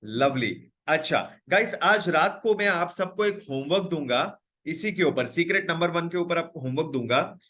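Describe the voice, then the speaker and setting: This young English teacher, speaking at normal speed, has a fairly high voice with lively intonation and a pushed, bright quality. In his live online class he prompts students to speak up and reads out their names and comments.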